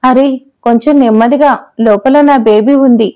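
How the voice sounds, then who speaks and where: A woman's voice: on the high side, moderate pace, warm tone, dull audio, close to an everyday voice. A woman voicing a young husband who teases and bickers with his wife, in an audio story. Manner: playful then exasperated bickering. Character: young husband, teasing, patient office worker.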